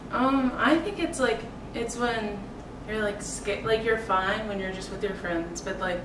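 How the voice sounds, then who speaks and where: A nineteen-year-old woman answering interview questions on a couch, hesitant and full of "like". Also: mid-range voice. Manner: halting, heavy on "like". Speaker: interviewee, college cheerleader. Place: living room, seated on a couch. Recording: roomy, distant mic, noisy.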